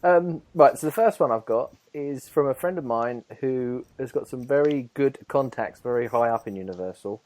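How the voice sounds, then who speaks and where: A man's voice: mid-range voice, normal speed, hardly any pauses, a little mellow. A man hosting a podcast in chatty, teasing casual talk, steering the conversation. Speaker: podcast host. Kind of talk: casual chat.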